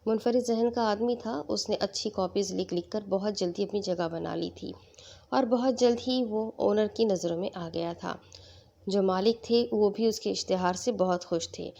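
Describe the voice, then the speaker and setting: A woman narrating a novel aloud at an even, steady pace. Her voice is husky and gravelly, with a dark, mellow tone and a typical pitch for a woman. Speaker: novel reader. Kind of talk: storytelling narration.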